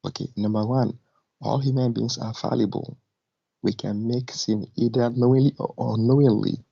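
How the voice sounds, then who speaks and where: Calling in to an argumentative debate from Nigeria, a man firmly explains his position using formal wording. His medium-pitched voice is steady, creaky, mellow, and a bit breathy at normal speed, heard over a muffled, lo-fi, dry call with clicks.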